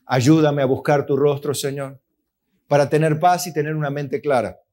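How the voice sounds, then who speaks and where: This is an Argentine man, a pastor delivering a sermon in a lively, conversational way. His voice sits a little high for a man, and he keeps asking his listeners questions before answering them. Now and then he slips into acted-out voices of God and of believers complaining. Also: moderate pace. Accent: Argentine Spanish. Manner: asks the congregation questions and answers them himself.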